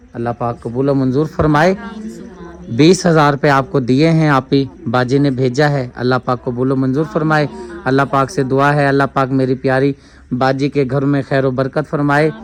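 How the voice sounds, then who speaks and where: A man vlogging a charity handout, speaking casually and earnestly with frequent blessings and fervent appeals. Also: medium pitch. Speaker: charity vlogger handing out food aid. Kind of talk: casual vlog narration with prayers and appeals.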